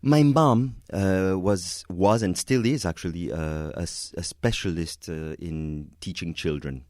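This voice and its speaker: A Venezuelan concert pianist answers interview questions hesitantly, restarting often and chuckling lightly. His low voice moves at a measured pace with a slightly mellow quality, captured in studio quality with no echo.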